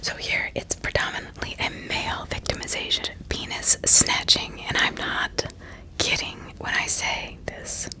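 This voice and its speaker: A woman tells a true crime story ASMR-style, her whisper breathy, her sentences often paused partway, with little asides directed at the listener. The audio is poor.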